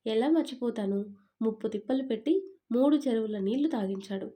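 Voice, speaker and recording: A woman's voice: fairly high pitch, brisk, dark tone, lightly acted. A woman voicing a sulky, talkative young newlywed wife in an audio story, complaining in a pouting tone.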